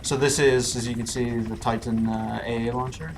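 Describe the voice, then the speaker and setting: A man talks through his gameplay in a relaxed, friendly way at an ordinary mid pitch. Faint background noise sits under his voice. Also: normal speed, poor audio. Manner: easygoing, narrates his play, laughs easily. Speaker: livestream presenter demoing a game. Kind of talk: live gameplay commentary. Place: studio office.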